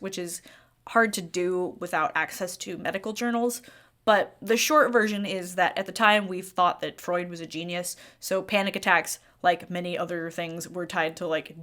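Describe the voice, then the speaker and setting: A woman's voice: lowish voice, a bit bright. Opinionated woman narrating a video essay. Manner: opinionated, critical. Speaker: video game critic.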